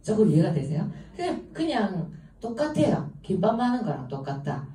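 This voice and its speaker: Woman, Gyeongsang accent, informal lecture, lively swooping pitch, mellow tone, echoey room heard from a distance. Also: normal speed. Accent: Gyeongsang Korean. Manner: lively, chatty, laughs often while telling stories. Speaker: seminar speaker.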